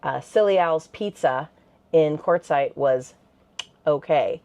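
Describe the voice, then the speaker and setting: A woman co-hosting a travel vlog, recapping the trip in a relaxed, chatty way. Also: deep voice, takes it slowly. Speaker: vlog co-host. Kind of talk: casual sit-down recap chat.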